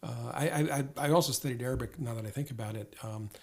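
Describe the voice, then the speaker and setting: An older man, a former diplomat, answers an interviewer while thinking aloud in a middle-pitched voice with vocal fry. He often stumbles, restarting phrases and repeating small words before finding the thread. His tone stays reflective and unhurried.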